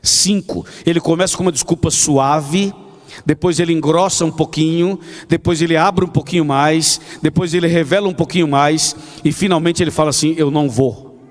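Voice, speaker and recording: A pastor preaches an evening sermon, retelling the story in a chatty way. He keeps asking his listeners rhetorical questions. His voice sits slightly high, and a long reverb trails behind him, as in a large hall. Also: fairly even intonation, moderate pace.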